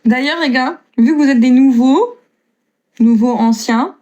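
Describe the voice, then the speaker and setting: A woman's voice: high-pitched, unhurried, warm tone, lo-fi sound. A woman in her twenties with a slight northern French accent from Lille, chatting casually with viewers on a live stream, reading and answering their comments with frequent laughs. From northern France. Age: 20s. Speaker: livestreamer.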